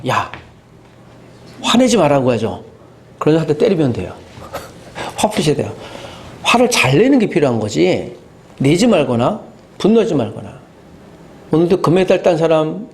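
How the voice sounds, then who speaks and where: A man preaching a sermon as pastor, animated, acting out inner voices and asking the congregation questions. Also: fairly high pitch.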